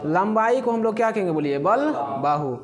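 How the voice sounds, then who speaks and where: Man, high voice, physics teacher in a classroom, asks questions and answers them himself. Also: lively intonation, moderate pace, a crowd in the background. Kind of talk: classroom lesson with questions to students.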